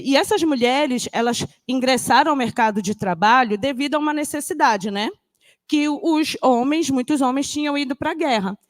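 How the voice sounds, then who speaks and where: A woman's voice: on the high side, no room sound, clean studio sound. A woman from northern Brazil, giving an explanatory classroom lecture. She talks conversationally and keeps checking that her students follow. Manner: conversational, checks understanding with frequent tag questions.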